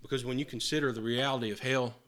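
A man delivers a sermon in a church in a bright, forceful voice. He speaks earnestly, often repeating and restarting phrases, and swings between loud stretches and quiet ones. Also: medium pitch, steady tone, fast talker. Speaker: pastor. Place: church hall with a congregation answering.

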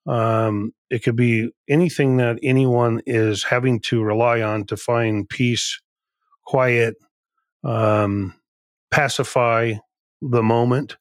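A man's voice: medium pitch, steady tone, slow, no echo. A man, a company CEO, guesting on a podcast and explaining leadership in an emphatic way, often repeating and restarting phrases. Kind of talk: conversational podcast interview.

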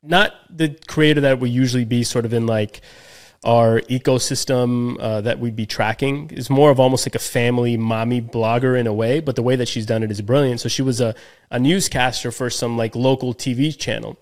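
A man's voice: medium pitch, steady tone, a little fast, a little mellow. A man co-hosting a podcast in casual chat, talking loosely with slang and frequent restarts. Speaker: podcast co-host.

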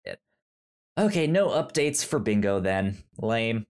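Somewhat low and darkish in tone, this man's voice has a sing-song lilt and a slightly slow delivery. He co-hosts a movie podcast, offering casual review talk in a hesitant way, often breaking off and beginning again.

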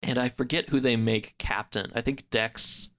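He speaks at a moderate pace in a medium-pitched, steady voice that's a bit bright. Chatting casually on a podcast as a guest, he recounts a story loosely and ramblingly, peppering it with "like."

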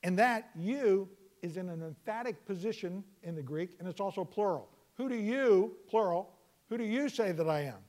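A man teaching verse by verse through a Bible passage. He explains step by step, repeats key phrases, and sometimes bursts into loud exclamations. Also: high voice, lively intonation, normal speed.

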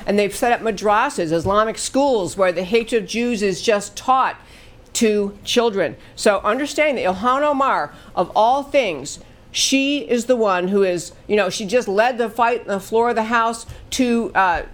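A woman's voice: mid-range voice, measured pace. A middle-aged woman hosting a political talk show, delivering emphatic, indignant commentary that repeats its points.

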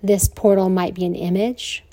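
An American woman leads a guided relaxation in the manner of a sleep story narrator. Her mid-pitched voice is slow and soothing, with long pauses between phrases. The sound is dry, with hardly any echo. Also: fairly even intonation, mellow. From lives in southern Colorado, United States. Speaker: yoga nidra teacher.

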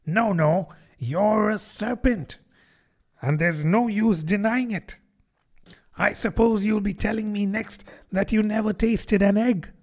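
A man voicing a sleepless, indignant pigeon that scolds and accuses in a shrill, contemptuous manner, in an audiobook. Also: slow pace. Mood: scornful. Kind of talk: audiobook character voice.

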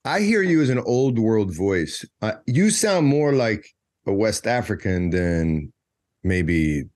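A man with a slightly deep voice hosts a casual interview. He speaks in a halting, conversational way, working out his phrasing as he goes. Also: sing-song, a little mellow. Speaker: podcast host.

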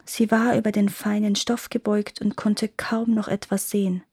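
A woman narrates a fairy tale for her podcast in a calm, measured storytelling voice. Her tone is softly husky and a little breathy. The recording is close and completely dry. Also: mid-range voice, no room sound.

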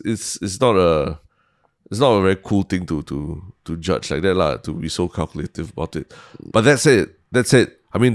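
A deep-voiced man with a Singaporean accent talks casually in Singlish on a podcast. His voice is gravelly, and he restarts and repeats words as he works through a thought. The recording is dry. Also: no echo. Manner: colloquial Singlish with local particles; halting, repeats words as he thinks. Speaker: podcast co-host. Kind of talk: casual chat.

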